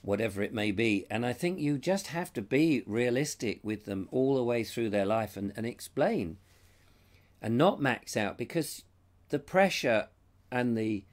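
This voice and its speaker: A chatty, rambling middle-aged English man hosts a live-stream chat, reading out what viewers comment. He has a cold and his voice is going; it's mid-range, expressive and unhurried. A lapel mic captures him.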